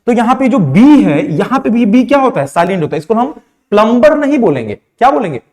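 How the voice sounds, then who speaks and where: A man's voice: high voice, sing-song, fast talker, a little mellow. A young man from India teaching pronunciation in a classroom lesson, asking questions and answering them himself. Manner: asks questions then answers them himself, mixing Hindi and English.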